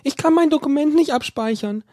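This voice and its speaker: A man voicing a sweet young woman student with a breathy voice who phones the help desk. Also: very high voice, a little fast, mellow, no echo, studio quality, pitched above the performer's own voice.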